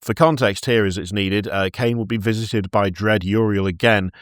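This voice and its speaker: A man with a fairly low voice retells lore on a podcast in a loose, chatty way, often breaking into giggles mid-sentence and restarting his phrases. The sound is close and dry. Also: steady tone, moderate pace, no room sound. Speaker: podcast host narrating lore. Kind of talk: casual lore narration with chat.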